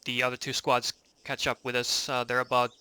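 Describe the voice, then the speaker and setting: A man leading a squad in a military game, giving procedural orders with hesitant pauses over a walkie talkie, with clicks. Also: medium pitch, monotone, bright, forceful tone, smooth, no room sound. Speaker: commanding squad leader in a military simulation game. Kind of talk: military radio communication in game. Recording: slightly noisy game voice comms with clicks.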